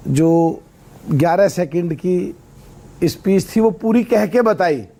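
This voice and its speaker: A man with a high voice holds the floor on a televised political panel. He builds his argument slowly through worked examples and keeps asking others to let him finish. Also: animated, mellow. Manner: long-winded, builds points through examples, pleads not to be interrupted. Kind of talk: heated TV debate argument.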